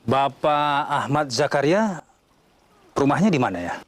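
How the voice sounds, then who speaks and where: A man's voice: mid-range voice, animated, a little slow, no room sound, lightly acted. An actor playing a polite, easygoing man asking his way in a TV drama. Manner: polite, casual. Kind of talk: television drama acting.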